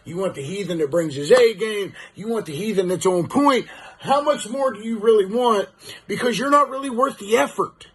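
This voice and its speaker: A man's voice: sits high, husky. A man cutting a cocky, profane wrestling-style promo, boasting and hurling insults at his rival. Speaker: online wrestling promo cutter. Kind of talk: trash-talking wrestling promo.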